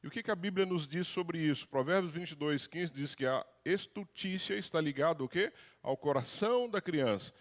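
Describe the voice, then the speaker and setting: A man's voice: fairly high pitch, expressive, normal speed, hardly any pauses. A middle-aged man preaching a conversational sermon as pastor, slipping into acted quotes. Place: church hall. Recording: long hall reverb.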